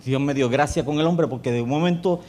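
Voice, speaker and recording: A man's voice: on the high side, a little fast, slight background noise. A middle-aged man, a pastor preaching a sermon and acting out dialogue as he tells a story. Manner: animated storyteller, acts out dialogue.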